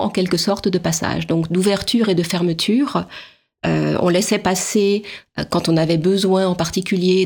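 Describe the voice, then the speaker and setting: Female guest, low gravelly voice, measured and explanatory. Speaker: sociologist guest. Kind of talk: radio interview answer.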